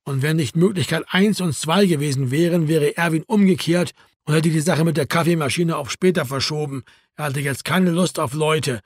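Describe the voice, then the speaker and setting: A man narrating a novel in a wry, even storytelling manner. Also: a little high, normal speed, no echo, clean studio sound. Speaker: audiobook narrator. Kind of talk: scripted narration.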